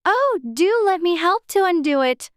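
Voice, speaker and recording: A woman's voice: extremely high pitch, animated, moderate pace, a bit bright, no room sound, clean studio sound, pitched above the performer's own voice. A woman voicing a polite, eager little girl in a dramatized audiobook reading. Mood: earnest. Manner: humble, eager, pleading.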